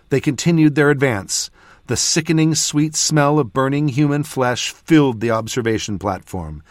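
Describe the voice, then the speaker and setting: Male audiobook narrator, mid-pitched voice, steady first-person fantasy reading on a dry close mic. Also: no echo. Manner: measured, steady storytelling.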